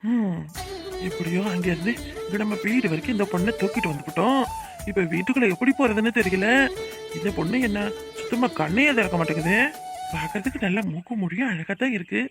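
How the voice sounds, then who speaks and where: A man's voice: sits high, lively intonation, a little fast, over music. A man with a southern Tamil Nadu accent voicing a kind-hearted young bachelor who frets and mutters to himself. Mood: fretful. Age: young adult. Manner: talking to himself, fretful asides. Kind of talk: cartoon voice acting.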